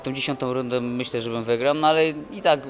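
A young man, freshly off a fight, talks through a post-fight interview in a downcast, stop-start way. He trails off and corrects himself often, at a middling pitch for a man. The recording is from a handheld mic in front of a sponsor wall at an indoor event. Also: a little hiss or hum. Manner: dejected, halting, many restarts. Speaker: boxer. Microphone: handheld mic held by interviewer.

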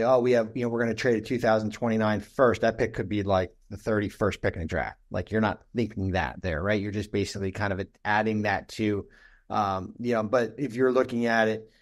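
A man co-hosting a webinar, explaining basketball trades in a casual, hesitant way full of ums and rights. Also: fairly low pitch. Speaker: webinar co-host and basketball analyst.

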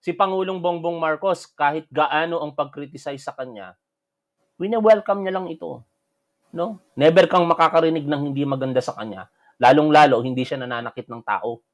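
A man's voice: fairly high pitch, moderate pace. A man from the Philippines ranting at his critics in a combative, scolding, mocking commentary. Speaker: vlogger answering critics.

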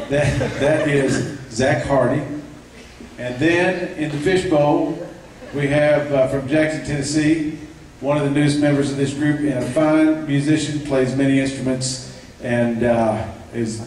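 A man introducing his vocal ensemble at a live concert, halting with fillers and light jokes. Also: mid-range voice, steady tone, a little mellow. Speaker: ensemble director introducing singers. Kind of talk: live concert emcee talk. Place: church sanctuary. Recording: echoey church, distant mic, faint noise.

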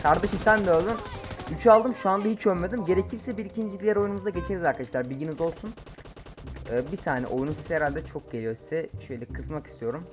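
A man giving live gameplay commentary as a mobile game streamer, excitable and quick to curse and shout at his teammates. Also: high-pitched, music in the background. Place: home, playing on an emulator.

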